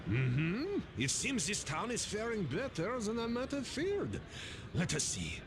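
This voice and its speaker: Pompous RPG gentleman, formal, unhurried, swooping intonation, clear background noise. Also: sits high, huge pitch swings, exaggerated voice. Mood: musing, self-important. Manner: formal, deliberate. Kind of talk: English video game voice acting.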